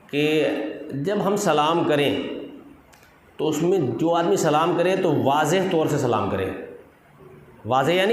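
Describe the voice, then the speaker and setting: A man's voice: on the high side, slight background noise. A man preaching to a seated gathering, stretching out key words and asking the audience rhetorical questions. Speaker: Shia cleric giving a religious lesson. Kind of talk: sermon-style religious talk. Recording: echoey hall with faint ambience.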